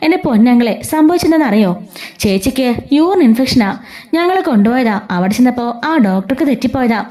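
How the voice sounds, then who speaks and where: A woman's voice: a little high, lively intonation, fairly quick, warm tone, close to an everyday voice. A woman voicing a cheerful, loyal young woman who explains things and reassures her sister-in-law. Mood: explaining.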